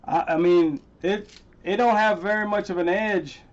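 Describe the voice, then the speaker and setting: A man hosting a casual coin-hunting livestream. He talks straight to his chat viewers by name and gets loudly excited over his finds. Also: high-pitched, normal speed, lo-fi sound.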